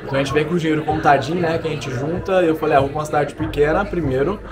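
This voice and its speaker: A young exchange student from Minas Gerais, Brazil, jokes and chats in a self-mocking way about his life abroad during a casual interview in a pub. His voice is on the high side, steady in tone and racing, with a crowd audible in the background.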